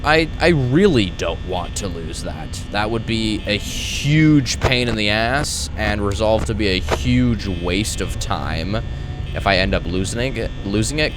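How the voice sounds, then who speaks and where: A young adult man giving casual, rambling commentary as he hosts a gaming video, telling stories in an exasperated way and acting out exchanges. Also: low voice. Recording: clearly noisy, steady background hum.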